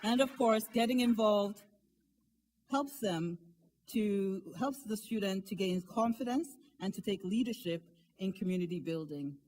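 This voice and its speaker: Woman, award presenter, mellow tone, warm, enthusiastic speech. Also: mid-range voice, unhurried, slight background noise, poor audio. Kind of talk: prepared ceremony speech.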